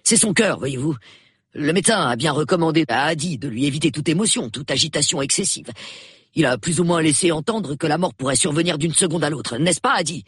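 A restless, haughty storybook gentleman, as a man reads him, raised in pitch and lively in tone. He talks briskly, with a breathy, dry quality. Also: no echo, full character voice. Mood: agitated. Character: tall, agitated, arrogant man.

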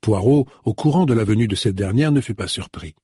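A man with a husky voice reading a novel aloud in measured storytelling narration. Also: lowish voice, lively intonation, warm tone, no room sound, clean studio sound. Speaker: audiobook narrator. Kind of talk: scripted narration.

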